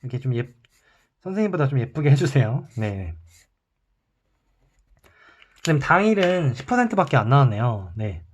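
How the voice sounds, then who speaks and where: A male teacher giving a recorded math lesson. He explains calmly and step by step while drawing on a chart. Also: mid-range voice, quick pace.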